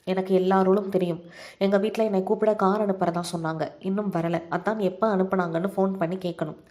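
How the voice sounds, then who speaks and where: A woman's voice: mid-range voice, fairly even intonation, brisk, dark tone, lightly acted. Polite young college woman, read by a woman. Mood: irritated. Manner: polite, earnest.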